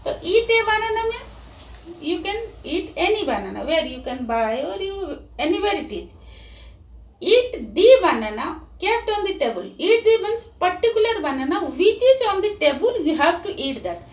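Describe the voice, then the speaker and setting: A woman's voice: very high voice, sing-song, normal speed. A woman with an Indian English accent teaching a grammar lesson to children, spelling words out letter by letter. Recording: roomy, distant mic, faint background hum.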